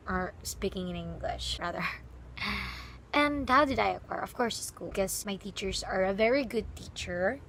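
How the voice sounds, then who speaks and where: A young Filipino woman, a student vlogger, talks casually to the camera in a chatty, giggly way. She speaks English as a second language with a Filipino accent, her first language being Bisaya. Her voice is mid-range and fairly bright, with a little hiss or hum in the recording.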